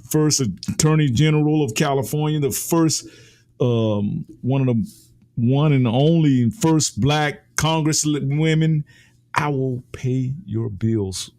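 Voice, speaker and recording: A man holding forth in heated political talk, his voice at an ordinary middle pitch. He argues with emphasis and passion and pushes higher and louder as he builds his points. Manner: impassioned, emphatic, rises in pitch when ranting. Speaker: political commentator.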